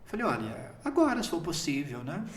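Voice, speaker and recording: A priest in his fifties tells his story in a relaxed, chatty way. His voice sits a little high for a man. It echoes around the room he is recorded in. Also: a little fast, crowd noise. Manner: chatty storytelling, often breaking into laughter. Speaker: priest named bishop. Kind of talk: recounting a personal story in an interview.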